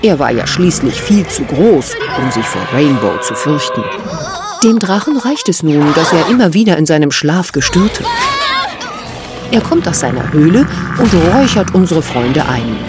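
A woman's voice: low-pitched, very animated, moderate pace. A woman narrator reading a scripted children's story. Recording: music underneath.

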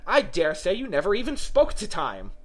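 A man voicing a mad, excitable and contemptuous hatter in a storybook, with emphatic, declaiming delivery. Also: sits high, moderate pace, voice pushed up.

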